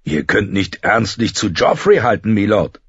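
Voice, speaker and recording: A man's voice: on the low side, sing-song, normal speed, creaky, fairly bright tone, slightly rough, no room sound, dull audio, heavily acted. A man voicing a reproachful lord at a council.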